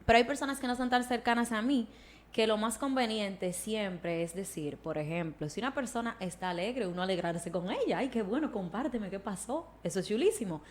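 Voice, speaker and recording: A woman's voice: mid-range voice, brisk. Woman explaining at length. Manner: explanatory, slips into acted quotes. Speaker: psychologist guest. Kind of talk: casual podcast conversation.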